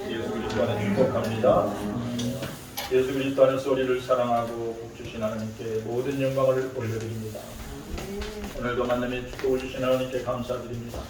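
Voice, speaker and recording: A man's voice: medium pitch, flat delivery, quick pace. A man preaching a sermon as pastor, telling stories and acting out the people in them. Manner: storytelling, acts out quoted voices. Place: large church sanctuary. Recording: echoey hall from far off.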